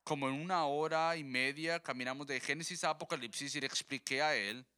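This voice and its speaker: A man's voice: fairly high pitch, brisk, sharp tone, clean tone. A man preaching a sermon, telling a conversion story and addressing the congregation as his brothers.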